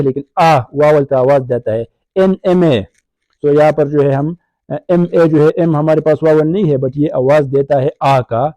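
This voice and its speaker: A man's voice: on the high side, warm tone, no room sound, poor audio. A man giving a grammar lecture in a mix of Urdu and English, checking in with "right?" as he goes. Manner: explains in Urdu mixed with English, asks "right?" often. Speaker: grammar teacher. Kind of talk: recorded lecture.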